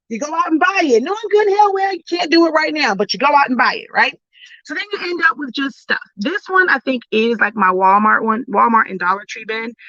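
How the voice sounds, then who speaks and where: A woman's voice: bright, forceful tone, no echo, lo-fi sound. A woman talking casually and frankly to her viewers while sorting craft supplies, sounding exasperated and chatty. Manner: frank, exasperated, chatty, swings pitch widely. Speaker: craft business educator.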